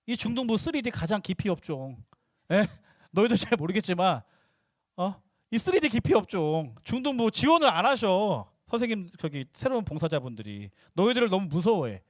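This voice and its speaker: A young male youth pastor preaching to middle schoolers, lively and teasing, slipping into casual talk with the teens. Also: high voice, normal speed, dry recording, studio quality.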